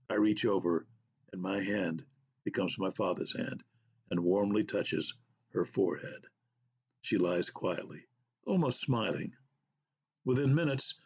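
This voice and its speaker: A man narrating a personal true story in a slow, unhurried and reflective way. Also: mid-range voice, a little mellow, breathy edge.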